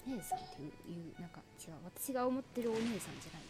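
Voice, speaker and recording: A woman's voice: on the high side, animated, very fast, a little mellow. A young adult woman streaming a game with chatty, giggly commentary, often echoing the game's lines. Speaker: VTuber streamer. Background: game music.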